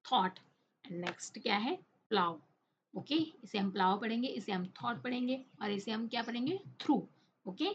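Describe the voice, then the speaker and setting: A woman teaching an English lesson in Hindi, mixing in English words, reading the English text slowly and checking in with "okay?" after nearly every line. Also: fairly high pitch, lively intonation. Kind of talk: classroom lesson explanation. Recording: dull lo-fi recording with faint noise.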